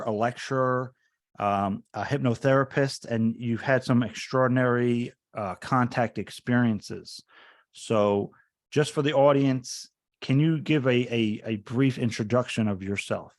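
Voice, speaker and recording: Guy hosting a podcast, middle pitch, casual, lots of uhs. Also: a little slow. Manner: friendly, loose, restarts and fillers. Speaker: podcast host. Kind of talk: casual interview.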